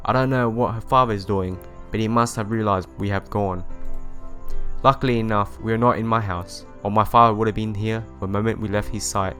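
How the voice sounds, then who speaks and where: A man's voice: lowish voice, fairly bright tone. A man reading a visual novel aloud, with casual asides and some stumbles over words that he goes back over. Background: music playing behind the voice.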